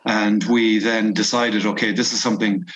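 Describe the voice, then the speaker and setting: A man's voice: lowish voice, steady tone, moderate pace, fairly bright tone, slight background noise, poor audio. A middle-aged man with a west of Ireland accent, telling his story informally in an interview. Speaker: company founder being interviewed. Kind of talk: conversational interview answers.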